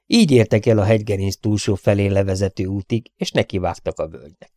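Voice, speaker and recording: A man's voice: on the low side, no room sound. A man reading a novel aloud as audiobook narration. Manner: steady storytelling reading. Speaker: audiobook reader.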